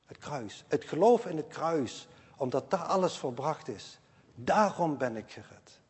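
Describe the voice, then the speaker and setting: An older man, a grandfather, preaching a sermon in earnest, repeating key phrases and moving between loud stresses and quiet asides. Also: on the high side, expressive, unhurried, husky. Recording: long hall reverb.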